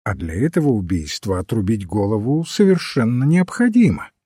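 A man voicing a mild, patient little priest detective who answers calmly and cryptically. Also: fairly low pitch, moderate pace, husky, no room sound, studio quality. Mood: calm, cryptic. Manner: calm, gently cryptic.

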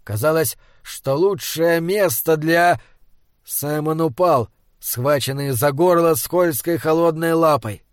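A man narrating an audiobook in a steady storytelling manner. His voice sits slightly high for a man. The recording is dry and close. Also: takes it slowly, dry recording. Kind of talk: scripted narration.

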